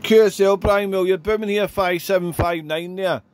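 A man's voice: sits high, fairly even intonation, moderate pace, no echo. A man chatting as an amateur radio operator, making contacts with callsigns and phonetic spelling. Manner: chatty, repeats "there" and phrases.

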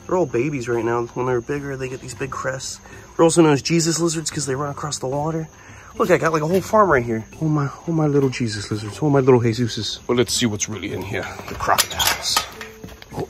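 A young man narrates a casual handheld vlog as a reptile keeper, with clear music behind him. His pitch is mid-range, and he is chatty and enthusiastic, slipping into playful baby talk for animals. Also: quick pace. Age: young adult. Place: outdoor enclosures at night, then a large metal-walled building. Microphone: handheld phone at arm's length.

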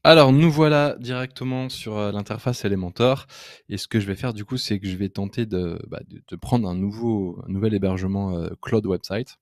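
A man giving a casual, enthusiastic screen-recorded software demo as a web design trainer, chatty and full of hesitant fillers. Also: fairly low pitch, moderate pace, no room sound, clean studio sound.

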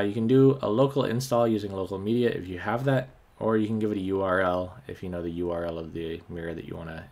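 Man walking through a screen recording. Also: fairly low pitch. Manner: relaxed, many ums and uhs. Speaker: tech tutorial host. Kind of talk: screen-recorded software walkthrough.

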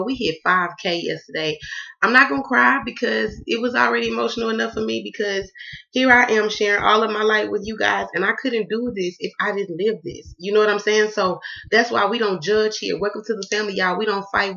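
A woman's voice: medium pitch, fairly bright tone, dull audio. A woman from the Southern United States with a Southern accent, giving a casual tarot reading to her viewers, emphatic and repetitive, calling them y'all. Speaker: tarot card reader.

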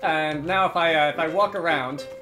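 Sitting at a computer indoors, a man presents a casual, unscripted screencast tutorial, thinking aloud hesitantly as he works. His voice is on the high side at a moderate pace, with music underneath.

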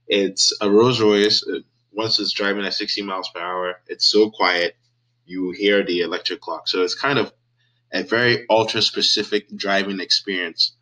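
Low husky man explaining casually. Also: low-quality recording. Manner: relaxed, thinking aloud with fillers and restarts. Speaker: host of a copywriting channel. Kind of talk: casual screen-share tutorial.

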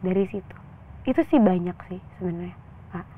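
A young woman actress, a guest in an interview, talking openly and telling a personal story in a chatty, animated way with quoted voices. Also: on the low side, fairly quick. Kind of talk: candid interview talk. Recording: tinny phone-like sound.

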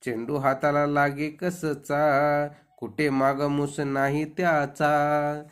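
Slow, melodic male storyteller. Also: on the high side, little pitch movement, clear, resonant tone. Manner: melodic, rhythmic recitation. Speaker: storyteller and singer. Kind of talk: sung poem and rhymed storytelling.

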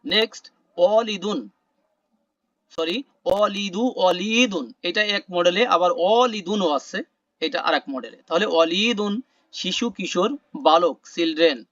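Male teacher on a video call, high pitch, patient and repetitive, muffled dry audio. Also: a bit bright, no room sound. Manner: explains slowly, repeating words and asking the class questions. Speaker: Quran vocabulary teacher. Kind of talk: online class teaching word meanings.

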